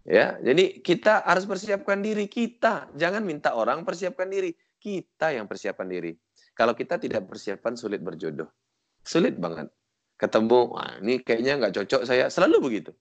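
Man from Sumatra giving a lively sermon. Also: on the high side, normal speed. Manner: lively, joking, acts out quoted voices. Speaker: Islamic preacher. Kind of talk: casual religious lecture.

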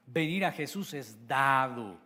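A man's voice: mid-range voice, expressive, slow pace, pushed and bright. A man preaching a sermon as pastor, emphatic, with rhetorical questions to the congregation and a voice that swells and sinks. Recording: long hall reverb.

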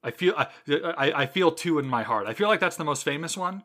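A man co-hosting a casual comedic podcast, telling stories with wry humor and halting restarts. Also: a little high, animated, a bit bright. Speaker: podcast co-host.

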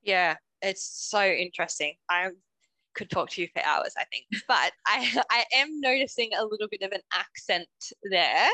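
A woman hosting a relaxed podcast, asking questions in a chatty way and laughing easily. Her voice is bright and forward, recorded close and dry with no room sound. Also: medium pitch, normal speed, dry recording, low-quality recording. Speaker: podcast host. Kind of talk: casual podcast interview.

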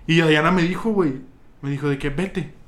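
A young man with a Mexican accent, telling friends a story in a casual, slang-heavy, animated way. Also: fairly high pitch, brisk. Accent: Mexican Spanish. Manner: vulgar slang-heavy, animated retelling with laughs.

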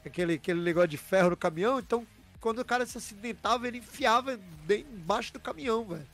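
A man's voice: sits high, very fast, faint music behind. A man from Brazil co-hosting a podcast, chatting casually and telling stories full of swearing, acting out the messages he quotes. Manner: animated, profane storyteller who acts out quoted messages. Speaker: podcast co-host. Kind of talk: casual chat.

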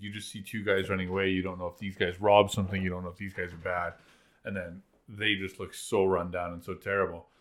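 Deep-voiced man rambling on a podcast. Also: fairly bright tone. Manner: rambling, restarts often, uses lots of filler. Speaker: podcast guest. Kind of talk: casual podcast chat.

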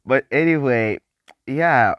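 Taking it slowly, a seventeen-year-old whose voice has newly deepened chats in a faith vlog, happy and excited, rambling with frequent restarts and laughs. The recording is dry, with the highs cut off.

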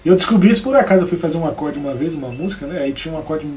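A man's voice: a little high, animated, very fast, a little mellow. A Brazilian man teaching guitar on a live stream in a casual, chatty way, greeting viewers by name as he plays. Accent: Brazilian Portuguese. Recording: echoey room with guitar playing.

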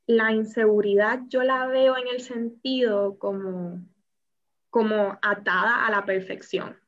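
A woman hosting a podcast, responding with affirming remarks and reflecting on the topic. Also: medium pitch. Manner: warm affirming interjections, reflective. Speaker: host. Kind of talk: podcast conversation. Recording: slightly dull podcast audio.

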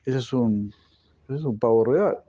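A man's voice: mid-range voice, a little slow, dry recording, muffled recording, close to an everyday voice. A man voicing a patient mother explaining animal names to her child.

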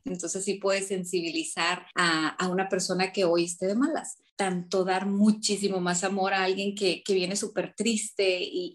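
A woman, a teacher, telling stories as a guest on an interview and acting out the people she quotes. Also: medium pitch. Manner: animated storyteller acting out quotes. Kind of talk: casual interview storytelling. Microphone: remote call from abroad.

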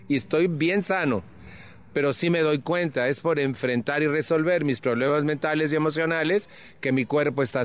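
A man in his seventies with a Mexican accent gives a personal recovery testimony to a support group, earnest and animated, with frank slang. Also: a little high. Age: 70s. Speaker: Al-Anon speaker.

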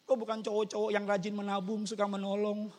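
A man's voice: high voice, monotone, quick pace, a little mellow, slight background noise, close to an everyday voice. A male pastor voicing a young woman who complains to her pastor about bad men. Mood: complaining. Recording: long church-hall reverb.

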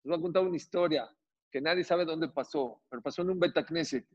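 A man preaching as a rabbi, emphatic and animated, with much repetition, on a dull lo-fi recording. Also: on the high side, fast talker. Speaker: rabbi teaching a Torah class. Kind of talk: sermon.

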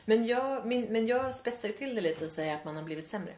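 A woman in casual conversation who talks thoughtfully, pausing and restarting her sentences often. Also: on the high side, expressive, a little mellow. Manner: thoughtful, many hesitations and restarts. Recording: roomy echo.

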